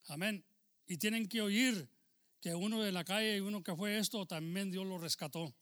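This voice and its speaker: An older man giving an earnest church testimony, exhorting his listeners as brothers and bursting into loud emphasis. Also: high voice, moderate pace, dry recording. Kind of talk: testimony sermon.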